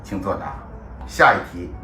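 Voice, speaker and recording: Guy doing mock dialect test, slow n deliberate, bright echoey voice, faint music behind. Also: sits low, lively intonation. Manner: mock-formal, deliberate quiz delivery. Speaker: presenter of a comic dialect lesson. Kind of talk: mock language-test narration.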